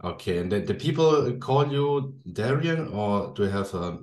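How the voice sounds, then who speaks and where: A man's voice: fairly low pitch, big pitch swings, moderate pace, darkish tone. A man hosting a podcast interview, asking friendly questions in English with frequent hesitations and restarts. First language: German. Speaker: podcast host. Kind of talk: casual interview chat. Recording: echoey room.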